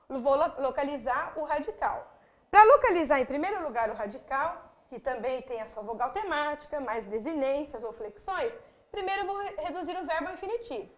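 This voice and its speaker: Her voice is high and her accent Brazilian Portuguese as she leads exam candidates through a grammar video lesson, explaining each step to the viewer and often going off on asides.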